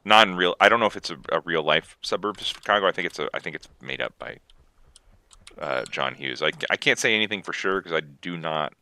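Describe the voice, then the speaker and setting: A man co-hosting a casual gaming podcast, rambling and animated as he chats. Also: deep voice, fairly quick. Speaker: podcast co-host.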